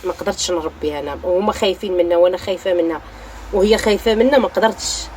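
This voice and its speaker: A woman's voice: fairly low pitch, racing, darkish tone, slight background noise. A woman with a Moroccan accent, chatting straight to her viewers in a home vlog filmed on a phone. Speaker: vlogger. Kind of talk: casual chat to viewers. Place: home balcony. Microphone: phone held while filming.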